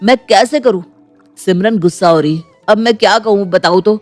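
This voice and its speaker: A man's voice: sits high, normal speed, faint music behind, lightly acted. Male VO: defensive young husband, complaining, cartoon.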